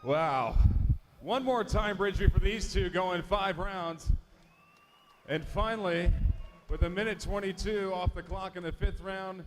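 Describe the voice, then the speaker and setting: A man announcing a fight result in the cage with a high, booming voice. He stretches out the names for effect, then switches to interview questions. The arena audio is noisy. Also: fairly even intonation, unhurried, reverberant.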